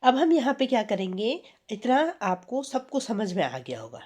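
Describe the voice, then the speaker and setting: A woman's voice: mid-range voice, sing-song, normal speed, a little mellow, slightly rough. A woman teacher giving a patient math lesson, often checking in with her pupils and asking them questions. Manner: patient, repeats 'theek hai' and asks questions.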